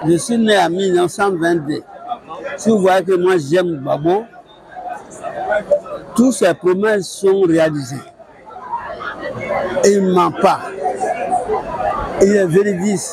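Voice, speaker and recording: An older man talks fervently into a clip-on mic. His voice sits a little high and he keeps repeating himself. A busy crowd chatters all around him under the tent. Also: creaky, low-quality recording. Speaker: supporter at a rally. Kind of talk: street interview. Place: outdoor tented rally. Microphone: lapel mic. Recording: lively crowd noise outdoors.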